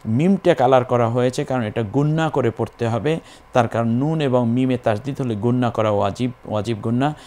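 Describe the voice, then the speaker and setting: Man slowly teaching Quran recitation. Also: mid-range voice, mellow. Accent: Bangladeshi Bengali. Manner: patient, repeats syllables slowly, stretches vowels in recitation. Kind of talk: recitation lesson, spelling and drawn-out chanting.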